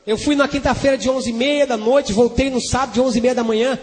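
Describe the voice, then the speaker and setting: A man's voice: very high-pitched, fairly even intonation, fast. A man with a Brazilian Portuguese accent, an evangelist giving a fervent testimony and sermon, breaking into tongues as he preaches. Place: church hall. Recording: long hall reverb with faint music.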